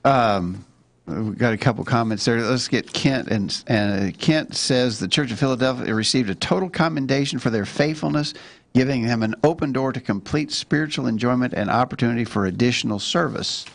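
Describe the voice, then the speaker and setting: Gravelly-voiced man hosting a Bible study. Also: medium pitch, no echo. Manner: earnest, reads scripture aloud with halting restarts. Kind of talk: casual Bible study talk.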